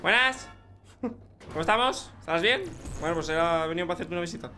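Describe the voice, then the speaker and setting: Excitable young Spanish gamer, bright voice. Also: male voice, a little high, brisk, slight background noise. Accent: Spanish from Spain. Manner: excitable, joking, talks to teammates. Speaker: gaming YouTuber. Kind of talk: live gameplay commentary.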